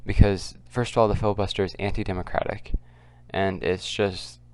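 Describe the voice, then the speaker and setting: Male video commentator, deep and fry-heavy, quiet subdued delivery, casual and unscripted, halting. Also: little pitch movement. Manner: kept quiet, subdued because others are nearby. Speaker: political commentary video host. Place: at home, others nearby.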